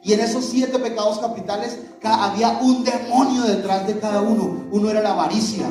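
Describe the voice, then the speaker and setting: Echoey high-voiced preaching man. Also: steady tone, a little fast. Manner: preaching with call-and-response questions to the congregation. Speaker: pastor. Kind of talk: sermon. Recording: echoey hall, voice from far off, music behind.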